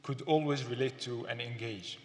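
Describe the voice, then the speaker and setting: A man from Syria giving a thoughtful, halting lecture as an artist, with fillers and repeated words. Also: mid-range voice. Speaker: artist giving a symposium talk. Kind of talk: public lecture. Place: gallery lecture hall. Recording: echoey hall, long reverb.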